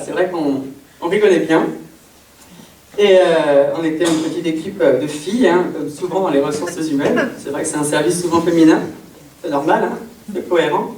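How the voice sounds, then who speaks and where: A woman doing a one-woman comedy monologue in character as an HR employee, chatty and breezy with mock-innocent sarcasm, her voice jumping high when she addresses people. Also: distant mic. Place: theatre stage before a live audience. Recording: echoey room from afar, audience noise.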